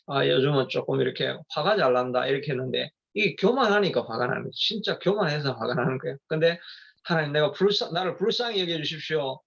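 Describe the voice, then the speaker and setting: A man's voice: on the high side, gravelly, a bit bright, slightly rough, highs cut off. A middle-aged male pastor giving a rambling, conversational sermon with many fillers and restarts.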